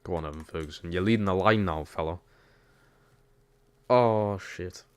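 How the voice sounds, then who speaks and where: A man's voice: low-pitched, normal speed, a little mellow, clear, resonant tone. A young man with a Geordie accent, chatting casually over a football game while streaming and reading chat. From Newcastle, England. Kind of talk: casual gaming stream commentary.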